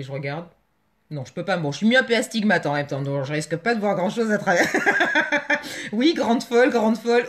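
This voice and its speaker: A woman chatting casually with viewers on a live makeup stream, excitable and gushing, greeting people by name. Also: medium pitch.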